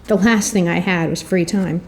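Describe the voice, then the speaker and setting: A middle-aged woman delivers a prepared introductory speech, telling stories in an articulate, wry, slightly theatrical way. Her voice is fairly low and steady at a moderate pace, with slight background noise.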